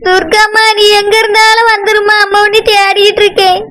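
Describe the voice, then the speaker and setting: Woman voicing a distraught mother, wailing in a very high, flat Kanyakumari Tamil voice, cartoon. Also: fairly quick. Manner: wailing, pleading, sobbing. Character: tearful village mother of a missing bride. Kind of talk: cartoon voice acting.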